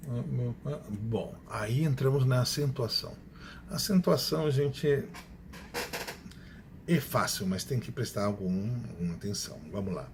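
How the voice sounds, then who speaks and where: A man's voice: mid-range voice, animated, darkish tone, a little hiss or hum. Man teaching grammar. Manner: explanatory, repeats examples slowly, self-corrects. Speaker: Spanish teacher. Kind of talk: classroom grammar lecture.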